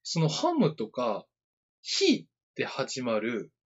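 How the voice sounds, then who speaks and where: A man's voice: mid-range voice, huge pitch swings, takes it slowly, breathy edge. A man in casual chat, quizzing his co-host on words with a teasing, hint-giving manner. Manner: teasing quizmaster, gives hints. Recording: dull lo-fi podcast audio.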